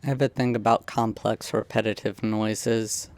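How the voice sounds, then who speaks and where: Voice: medium pitch, flat delivery, moderate pace, no echo. A let's play host giving casual gaming commentary with dry, understated reactions.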